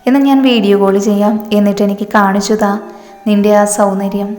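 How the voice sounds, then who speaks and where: A woman's voice: medium pitch, steady tone, a little fast, darkish tone, roomy sound, in a large hall, soft background music, natural voice. A woman reading a lecherous middle-aged man. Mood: wheedling.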